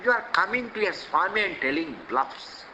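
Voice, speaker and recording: A man's voice: high-pitched, lively intonation, normal speed, background noise. An older man with an Indian accent giving a spiritual discourse, emphatic and repetitive, full of rhetorical questions, recorded in an echoey hall. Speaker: swami teaching scripture.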